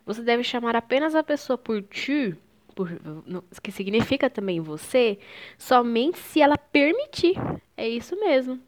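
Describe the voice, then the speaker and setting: A young woman from Brazil, with a Brazilian Portuguese accent, gives a French lesson. Her voice sits a little high, and she explains patiently while mixing in French phrases. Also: sing-song, unhurried. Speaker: French teacher. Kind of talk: online language lesson.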